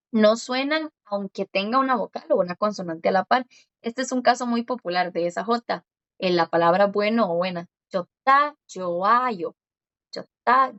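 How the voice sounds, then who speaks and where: A woman teaching a Korean lesson in Spanish, explaining step by step and repeating words slowly. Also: mid-range voice, fairly bright tone, dry recording, dull audio. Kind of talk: one-on-one language lesson.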